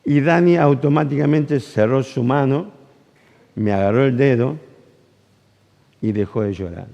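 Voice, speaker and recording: A man with an Argentine accent, speaking at a medium pitch, delivers a sermon built around a personal anecdote. He plays out the dialogue and quizzes the congregation as he goes. His voice carries a long reverb from a large hall. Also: unhurried, creaky, lo-fi sound. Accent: Argentine Rioplatense Spanish. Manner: animated storytelling, acts out dialogue, asks the audience questions. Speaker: pastor. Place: church camp hall.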